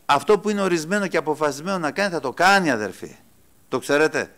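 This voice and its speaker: Man, preacher, sermon, high voice, loud exclaiming and quiet asides, calls listeners brothers. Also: animated. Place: church.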